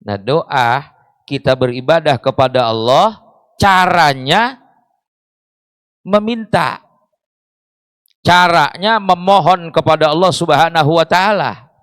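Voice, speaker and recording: A man's voice: a little high, slow, long pauses, a bit bright, no room sound. Man preaching in a dry close sound. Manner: explains with rhetorical questions and Arabic phrases. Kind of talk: sermon. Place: mosque.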